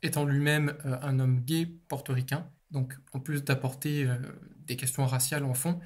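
A man's voice: medium pitch, steady tone, moderate pace. A young man, an author, answering interview questions in a casual, chatty way, with frequent fillers and the odd swear.

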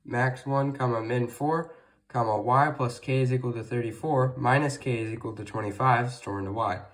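A man's voice: medium pitch, normal speed, fairly bright tone. Male tutorial presenter, slightly distant mic, dictating code one symbol at a time in clipped segments. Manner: dictating code symbol by symbol in short separate pieces. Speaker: presenter of a calculator programming tutorial. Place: indoors at a wooden table, off camera.

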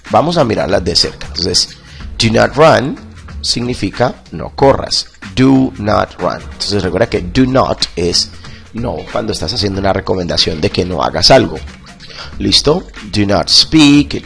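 A male teacher with a low, gravelly voice leads a bilingual vocabulary lesson at an unhurried pace. He says each classroom phrase slowly and repeats it before translating. Faint music plays behind him. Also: a bit bright. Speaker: English teacher.

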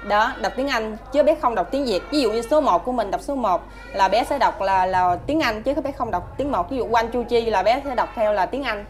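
A woman's voice: fairly high pitch, a little fast, soft background music. A woman with a Southern Vietnamese accent answering interview questions about her child, hesitant and polite, with many fillers.

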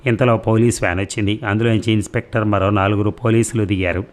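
Calm male audiobook narrator. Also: lowish voice, fast. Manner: calm, even storytelling. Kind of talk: novel narration.

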